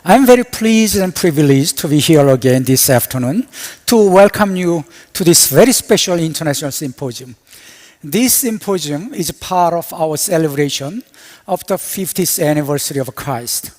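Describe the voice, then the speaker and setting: A man, a university president, giving a measured, ceremonial welcoming speech on a symposium stage. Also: fairly high pitch, lively intonation, a little mellow. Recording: long reverb of a hall.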